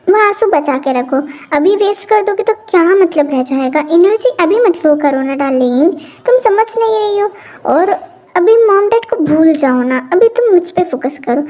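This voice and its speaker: Woman doing a teasing young husband, high. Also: warm tone. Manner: teasing, coaxing. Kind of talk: amateur fan audio drama.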